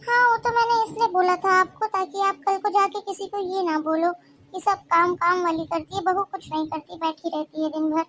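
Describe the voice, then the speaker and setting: High-pitched snippy young bride in a cartoon, sulky and sharp-tongued. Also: female voice, steady tone, normal speed. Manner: sharp, taunting retorts. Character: proud, sulky young daughter-in-law. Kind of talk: cartoon story voice acting.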